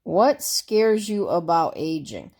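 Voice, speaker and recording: Her lowish voice swings widely in pitch, moving at a slow pace with a touch of mellowness. The woman is a vlogger working through tag questions while congested with a cold, chatting in a loose, easygoing manner with fillers and tangents.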